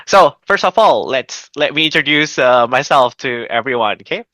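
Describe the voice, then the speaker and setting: A man, giving a recorded lecture presentation in a relaxed way with fillers like okay and you know. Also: mid-range voice, normal speed, no room sound. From Indonesia. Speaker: assistant professor, presenter.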